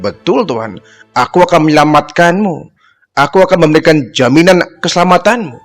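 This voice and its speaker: A man voicing a humble young orphan boy who answers softly and obediently. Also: a little high, expressive, brisk, soft background music, lightly acted. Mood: meek. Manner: soft, deferential replies.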